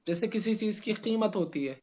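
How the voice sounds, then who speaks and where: A male grammar teacher giving a classroom lesson, spelling out letters slowly and putting questions to his students. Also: high-pitched, expressive, a little mellow, muffled recording.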